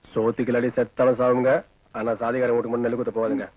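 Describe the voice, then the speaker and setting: An actor playing a simple, kind-hearted village helper with a Kongu Tamil accent, talking deferentially and politely. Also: male voice, medium pitch, flat delivery, rapid-fire, dry recording, close to an everyday voice. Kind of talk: film acting. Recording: dull lo-fi film audio.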